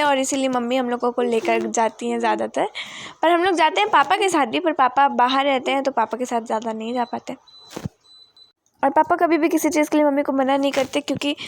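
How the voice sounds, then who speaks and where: A young woman narrating a casual family vlog outdoors in a village, chatty and rambling, mixing English words into her storytelling. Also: high-pitched. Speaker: vlogger.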